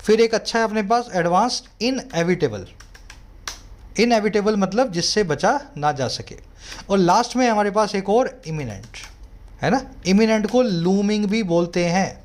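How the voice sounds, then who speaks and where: A male English tutor with an Indian accent, his voice sitting high for a man. He goes through vocabulary one word at a time, slowing down to read out each example sentence. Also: expressive. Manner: explains each word slowly and reads example sentences in a measured way. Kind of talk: vocabulary lesson.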